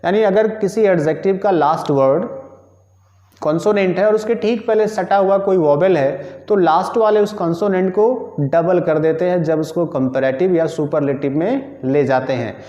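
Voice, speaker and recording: A man's voice: high-pitched, moderate pace, mellow. A man teaches a grammar lesson, patiently repeating each rule and spelling words out letter by letter. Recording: roomy, echoing and dull lo-fi sound.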